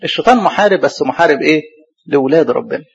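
A man with an Egyptian Arabic accent teaching a Bible study sermon, asking questions aloud and answering them himself, and slowly spelling out hard names. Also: a little high, lively intonation, creaky. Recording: dull lo-fi recording.

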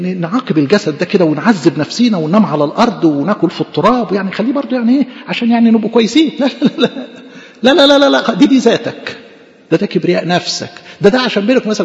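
A man's voice: sits high, lively intonation, rapid-fire, a little mellow, long reverb tail, muffled recording. A man with an Egyptian Arabic accent preaching a sermon, asking questions and answering them himself in a conversational way.

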